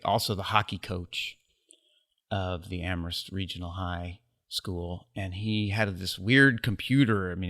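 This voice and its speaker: A guest photographer from the United States reflects during a casual interview, his humor wry and self-deprecating, his pauses filled with ums. He has a deep, slightly bright voice.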